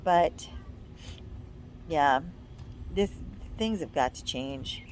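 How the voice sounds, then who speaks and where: A woman's voice: low voice, expressive, extremely slow, a little hiss or hum, low-quality recording. An American woman in her fifties chatting casually and giving blunt, emphatic, complaining opinions. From United States. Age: 50s. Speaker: vlog co-host.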